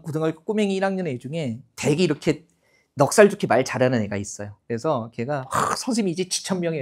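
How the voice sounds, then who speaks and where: A man in his fifties lecturing a class of exam-takers, chatty, checking in with the room and acting out students' lines. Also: on the high side. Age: 50s. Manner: animated, acts out students in put-on voices.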